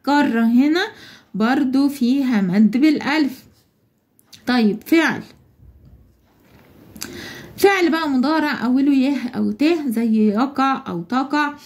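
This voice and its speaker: A woman's voice: high voice, a little slow, pauses often. A woman with an Egyptian Arabic accent explaining a schoolbook lesson to young children, patient and step by step, asking questions and answering them herself. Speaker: primary school teacher.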